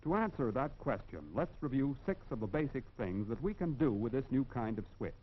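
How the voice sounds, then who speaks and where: A man's voice: mid-range voice, lively intonation, brisk, a little hiss or hum. An American man reads scripted narration for a 1940s industrial film in a formal, instructive and emphatic manner. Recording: dull, band-limited vintage film soundtrack.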